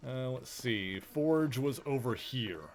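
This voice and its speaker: A man talks loosely while live streaming a game, wandering between thoughts. He coos affectionately to his pets. His voice sits at an ordinary middle pitch. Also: animated, takes it slowly. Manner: rambling and affectionate, cooing to his pets in a baby voice.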